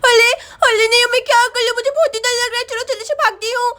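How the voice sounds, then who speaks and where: A woman's voice: very high voice, fairly even intonation, fast talker, background noise, pitched above the performer's own voice. A woman voicing a frightened young schoolgirl doll who talks in panicky, tearful exclamations. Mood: scared.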